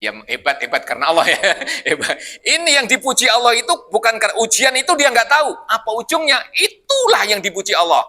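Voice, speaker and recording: A man's voice: extremely high pitch, very animated, fast talker, sharp tone. A man preaching a casual evening Quran study sermon in a mosque, joking and putting questions to the congregation. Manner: jokey, asks the congregation questions.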